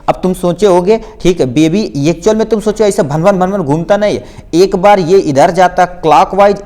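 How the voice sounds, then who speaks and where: A man's voice: fairly high pitch, a little mellow. A man teaching a school biology lesson, explaining step by step and often checking in with his students. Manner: explains step by step, repeating key points with frequent checks of "theek hai". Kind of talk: class 10 board exam biology lesson.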